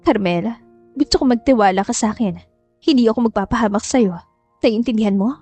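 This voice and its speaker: A woman's voice: on the high side, brisk, warm tone, husky, dry recording, soft background music. A woman doing a cold, scheming mother. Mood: coaxing commands. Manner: curt, commanding, coaxing.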